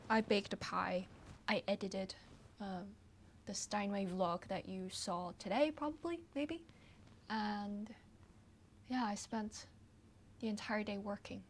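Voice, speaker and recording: A woman from Hong Kong, a pianist hosting a relaxed livestream Q&A from her apartment, who chats easily and trails off with ums and soft laughs. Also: mid-range voice, slow pace, long pauses, slight background noise. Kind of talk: casual livestream Q&A chat. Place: her apartment, at home with her piano.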